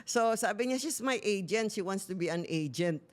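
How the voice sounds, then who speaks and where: A woman's voice: mid-range voice, animated, moderate pace. Candid middle-aged woman, talk-show co-host, shares a personal story in casual chat. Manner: candid storytelling, mixing Tagalog and English.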